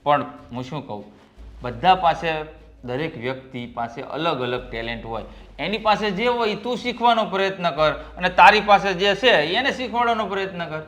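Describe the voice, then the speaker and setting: A good-humoured husband in a family drama. He teases his wife with a joking edge. His voice sits fairly high for a man. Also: lively intonation, normal speed, a bit bright. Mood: reasoning. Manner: joking, teasing. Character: teasing middle-aged husband, good-humoured.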